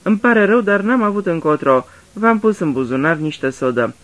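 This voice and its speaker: A man's voice: high-pitched, expressive, fairly bright tone, pitched above the performer's own voice. A man voicing Poirot, a fussy, courteous older detective, in a radio drama reading, talking patiently like a teacher. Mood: courteous probing. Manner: polite, patient, explaining like a teacher.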